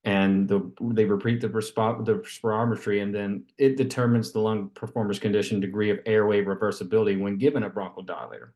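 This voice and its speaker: A man's voice: lowish voice, steady tone, brisk, few pauses, darkish tone. A man giving an unscripted lecture. He explains with everyday examples and often restarts his sentences. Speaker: respiratory care lecturer.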